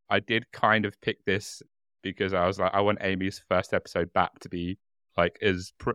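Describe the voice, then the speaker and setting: A native English-speaking podcast host with a lowish, pushed, bright voice laughs easily, giggling and poking fun at himself during casual chat before reading a case aloud as narration. The recording is studio quality with no echo.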